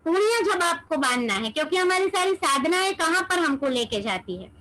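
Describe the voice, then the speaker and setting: A woman's voice: very high-pitched, sing-song, moderate pace, pushed and bright, low-quality recording. A woman leading a devotional teaching session, asking rhetorical questions and mixing English words into her explanations. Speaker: spiritual teacher.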